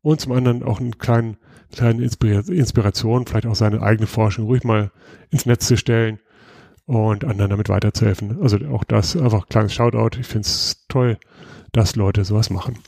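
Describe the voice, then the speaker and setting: A man hosting a podcast in casual chat, explaining things in a relaxed way with frequent hesitations and restarts. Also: fairly low pitch, a little fast, vocal fry, no room sound, studio quality. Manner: relaxed, explanatory, many filler sounds and restarts. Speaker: podcast host.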